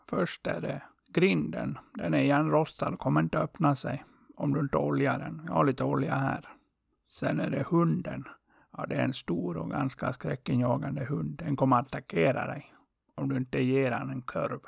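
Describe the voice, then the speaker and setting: A man voicing a wise old male merchant in a fairy tale, giving a prince patient, earnest instructions in a husky, gravelly voice. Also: fairly high pitch, fairly even intonation, no echo, clean studio sound, full character voice. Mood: earnest advice. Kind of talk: storybook role-play.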